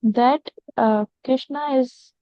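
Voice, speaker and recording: Hesitant woman student, slightly high. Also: slow, smooth, no room sound. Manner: hesitant, searching for words. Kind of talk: answering in class. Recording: dull lo-fi video call audio.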